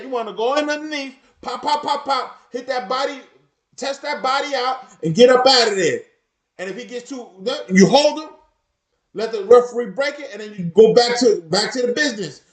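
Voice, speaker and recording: High-pitched man calling a fight, echoey room. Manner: emphatic, repeats phrases over and over. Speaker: watch party host and fight commentator. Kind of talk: live boxing watch party commentary.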